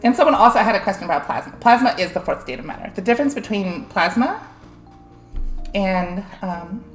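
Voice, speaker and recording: In an echoey space with soft music behind her, a young woman streams a casual science explanation. She has a medium-pitched, expressive voice, speaks fairly quickly, and keeps giggling and dropping "like" and "um."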